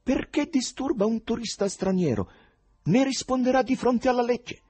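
A man voicing a sly, mocking male choirmaster in a shrill falsetto, theatrical and gleeful. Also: normal speed, darkish tone, husky.

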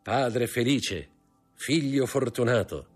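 A man voicing a courteous, commanding nobleman in an audiobook, with a husky voice. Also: on the low side, big pitch swings, normal speed, faint music behind, pitched above the performer's own voice.

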